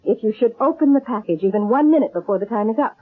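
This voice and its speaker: Here the same shrewd, middle-aged fortune-teller and swindler of old-time radio drama gets a fairly high, slightly rough voice, quick and lively in intonation. The actress keeps it commanding, portentous and solemn, heard through a thin, narrow-band old radio recording.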